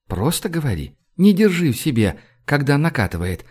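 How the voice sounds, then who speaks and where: A man's voice: on the high side, very animated, normal speed, a little mellow, slightly rough. Man doing a light-voiced teasing young guy.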